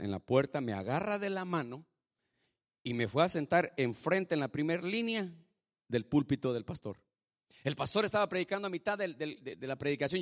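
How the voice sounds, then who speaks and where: A man preaching in church, telling his own testimony to the congregation and calling the listeners brother. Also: a little high. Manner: animated, addresses listeners as brother. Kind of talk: sermon testimony.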